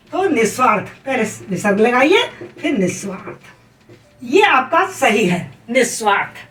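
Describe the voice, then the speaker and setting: A woman teaching grammar in an emphatic style, repeating each rule and checking whether the students have it clear. Her voice is high. She sounds set back from the mic in a roomy, echoing space. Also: pushed and bright, far from the mic. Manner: calls students "beta". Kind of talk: exam-prep lesson.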